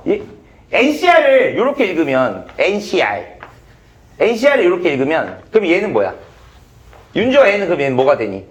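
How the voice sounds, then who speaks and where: A man's voice: high voice, wildly swooping pitch, a little fast, pauses often. A male math teacher giving a classroom lecture, blunt and swearing casually as he quizzes students.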